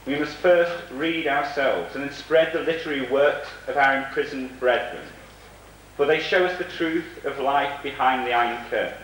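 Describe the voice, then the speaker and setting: A man's voice: medium pitch, normal speed, a bit bright. A man chairing a panel, speaking in a formal, solemn way as he addresses the room and introduces speakers. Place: large echoey room at a conference. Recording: very echoey hall, distant mic, faint noise.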